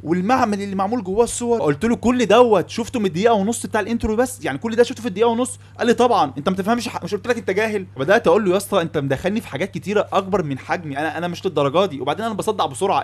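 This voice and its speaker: A young Egyptian man tells comic stories from his own life at a breakneck clip. His voice sits high for a man, and he jumps between himself and the other people in each scene. His speech is animated, in a casual podcast monologue. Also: breathy edge. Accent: Egyptian Arabic. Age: young adult. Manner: fast, animated, acts out both sides of the exchanges. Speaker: comedy podcaster.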